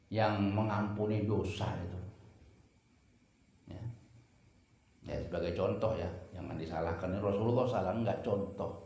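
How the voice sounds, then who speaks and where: A man preaching a sermon, telling stories and swinging from loud emphasis to soft asides. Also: deep voice, vocal fry. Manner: storytelling with dramatic swings in volume. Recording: heavy echo from a reverberant room.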